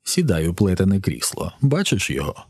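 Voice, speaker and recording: Man doing a calm scary guy w a gun, low quiet voice, short flat orders. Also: brisk, slightly rough, no echo, full character voice. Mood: menacing. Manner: curt, quiet, flatly threatening. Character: cold, menacing armed man, calm and in control.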